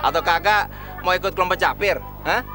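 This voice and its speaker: A mouthy jakarta thug, high for a man, sharp n forceful, sneering soap villain. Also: brisk, soft background music. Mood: jeering. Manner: taunting, coarse, confrontational. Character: loudmouthed neighbourhood thug, big muscly man, jeering. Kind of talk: broad comedic TV soap acting.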